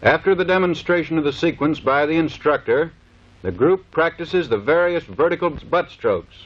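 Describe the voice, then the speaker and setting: Through what sounds like a dull 1930s film soundtrack, a fairly high-pitched, expressive American man narrates at normal speed. His instructional delivery is formal, clipped and scripted, in the vein of a military training film from that decade.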